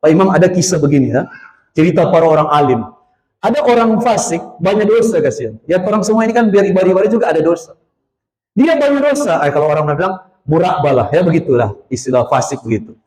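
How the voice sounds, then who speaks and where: A man preaching a mosque sermon, telling stories straight to his listeners and drawing out chanted prayer phrases slowly. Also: on the high side, sing-song, a little mellow. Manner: storytelling, addresses listeners directly, draws out chanted phrases slowly. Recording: echoey mosque hall.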